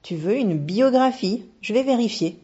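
A woman voicing a lively, kindly young female librarian in a storybook reading, with a dull lo-fi sound. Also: a little high, normal speed, breathy edge, pitched above the performer's own voice. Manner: bright and exclamatory. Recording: dull lo-fi recording.

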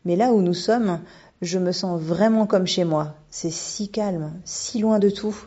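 A woman's voice: on the low side, measured pace, husky. A woman voicing a shy, polite little girl in a storybook reading, with a dull lo-fi sound. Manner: polite, gentle. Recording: dull lo-fi recording.

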